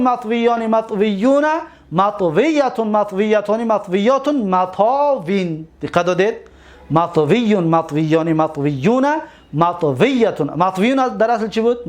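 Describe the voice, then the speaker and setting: A man with a Tajik accent and a high voice teaches grammar. He chants long lists of word forms in steady rhythm and checks his students with questions. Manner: drills conjugations aloud, repeats and quizzes listeners. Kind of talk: Arabic grammar lesson.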